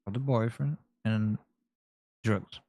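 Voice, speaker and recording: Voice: medium pitch, takes it slowly, warm tone, no echo. Crude, joking podcast co-host, dry sound. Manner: crude, interjecting jokes. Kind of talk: casual comedic banter.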